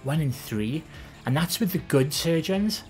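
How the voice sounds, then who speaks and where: A Welsh live streamer from the Valleys answers viewers in an animated way at a measured pace, soft music behind her. Her voice is gentle and soft but low, with a less feminine tone, and she chats in a rambling manner with many ums and corrections.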